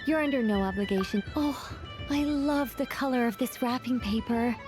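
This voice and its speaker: A woman playing a dainty, fussy young woman in a video game, earnest and dreamy as she deliberates. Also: fairly high pitch, close to an everyday voice. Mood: earnest, torn. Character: dainty, fussy young woman who savors small choices. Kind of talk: video game character acting. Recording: music behind the voice.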